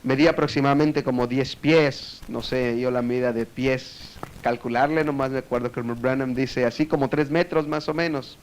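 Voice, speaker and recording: A man's voice: medium pitch, steady tone, moderate pace, hardly any pauses. A man preaching a sermon, telling a story and acting out echoes, often checking in with his listeners. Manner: storytelling, acts out echoes, frequent tag questions.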